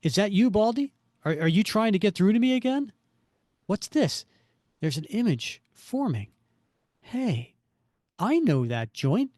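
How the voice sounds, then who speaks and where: A man's voice: high-pitched, sing-song, unhurried, pauses often, a little mellow, no echo, studio quality, pitched above the performer's own voice. A man voicing a confident, wisecracking superhero who talks to himself in a comic-book story. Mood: puzzled, alert. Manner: wisecracking, self-talking.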